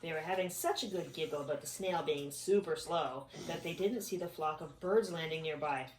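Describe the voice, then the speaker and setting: In an echoey room at home, picked up by a distant mic amid background noise, a woman with a low, slightly mellow voice reads a storybook expressively at normal speed. Between passages she chats casually with a child.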